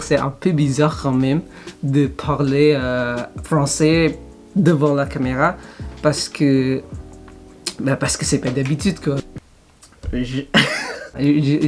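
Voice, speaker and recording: A man's voice: mid-range voice, darkish tone. A man in his twenties with an Indonesian accent, a native Indonesian speaker, vlogging casually in a chatty, hesitant, self-conscious way. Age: 20s. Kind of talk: casual vlog.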